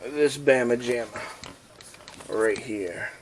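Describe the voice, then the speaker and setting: A cooking channel host in his home kitchen runs a casual vlog, joking and rambling as he adds ingredients step by step. His voice is medium-pitched and slow, with slight background noise.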